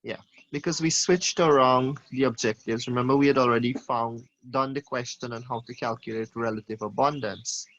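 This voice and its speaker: Teacher for an online class, man, mid-pitched, questioning tone, muffled lo-fi call audio. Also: fairly even intonation, normal speed, few pauses, a bit bright. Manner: questioning, calls on students by name. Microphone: video call.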